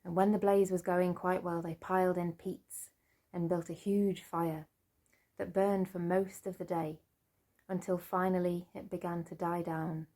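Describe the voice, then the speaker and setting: A woman storyteller telling a folk tale in a lively way, with chatty asides. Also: on the low side.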